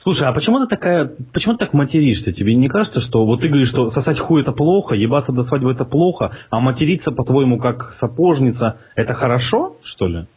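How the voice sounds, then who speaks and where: A man's voice: mid-range voice, lively intonation, quick pace, hardly any pauses, slightly rough. A man making a prank phone call in a mocking, provocative way, swearing as he goes. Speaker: prank caller. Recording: tinny phone line.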